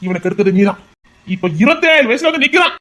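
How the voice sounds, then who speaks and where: An actor playing a stern middle-aged father who scolds his son about marriage in a fast, insistent voice. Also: very high-pitched, animated, a bit bright, slight background noise. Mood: exasperated. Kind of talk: amateur audio drama.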